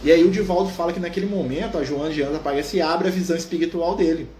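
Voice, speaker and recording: Mineiro guy telling a story at a study group, talks fast, kinda high voice, echoey room w faint hiss. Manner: animated retelling, tags nearly every phrase with a questioning "right?". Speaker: Spiritist study group leader.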